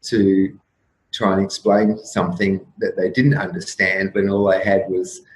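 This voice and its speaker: A man in his fifties, a guest on an interview show, musing in a rambling, reflective way with frequent restarts and soft laughs. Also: low-pitched, flat delivery, measured pace. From Australia. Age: 50s. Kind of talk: casual interview talk. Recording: roomy echo with faint room noise.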